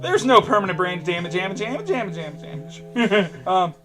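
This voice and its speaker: A young man co-hosts by reading fan fiction aloud over a game, mocking it casually with sarcastic, sweary commentary and frequent breaks to joke. His high voice is very animated and brisk, with music in the background.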